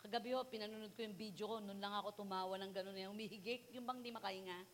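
A woman preaching a sermon. She mixes Tagalog and English and moves from a quiet personal story to loud, fervent exhortation. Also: mid-range voice, steady tone, fast, big-room sound, slight background noise. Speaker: pastor's wife preaching.

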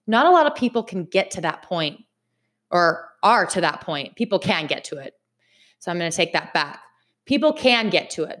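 A woman giving a casual motivational talk to her viewers, chatty and animated, repeating phrases for emphasis. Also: lowish voice. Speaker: vlogger.

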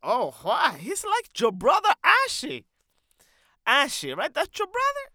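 A man putting on a brash, boastful character who shouts about his fast car and keeps saying "man". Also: extremely high pitch, huge pitch swings, dry recording, clean studio sound, heavily acted. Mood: boisterous. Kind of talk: comedic improvised character bit.

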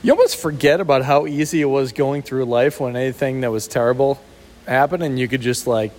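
Brisk and darkish in tone, this medium-pitched man co-hosts a podcast full of casual teasing. He's easygoing and chuckles often. He's recorded in a sheltered outdoor spot, with a big echoey reverb around his voice.

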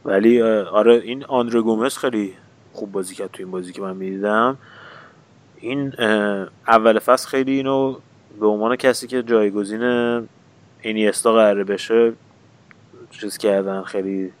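A man's voice: lowish voice, fairly even intonation. A man chatting casually about football on a podcast, hesitating and searching for words.

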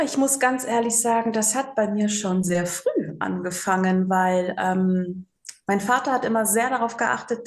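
A woman in her forties, a psychological counselor, telling stories in a casual interview with lots of fillers. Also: medium pitch. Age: 40s. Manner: chatty storyteller, many fillers, laughs easily. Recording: roomy echo.

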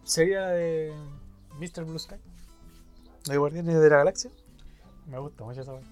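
A young Chilean man chats crudely and jokingly, swearing freely. His voice sits a little high, with faint music playing behind him. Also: moderate pace, darkish tone. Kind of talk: casual chat.

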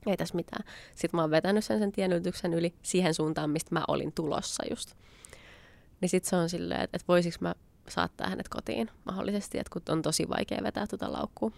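Young woman with a creaky low voice. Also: darkish tone, dry recording. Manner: chatty, acts out her own past lines with quoted asides. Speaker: storyteller. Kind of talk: casual spoken anecdote.

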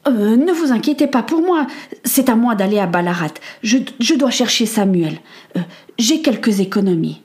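A woman's voice: fairly high pitch, lively intonation, normal speed, darkish tone, voice pushed up, close to an everyday voice. Resolute young heroine for an audiobook, read by a woman narrator.

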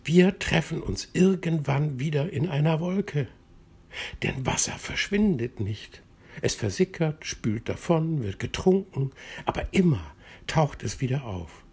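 Cheerful explaining water drop, played by a man, raised and a bit husky, bedtime story. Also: on the high side, expressive, a little slow, darkish tone, voice pushed up, exaggerated voice. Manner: knowing, explaining, encouraging. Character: cheerful wise male water drop friend.

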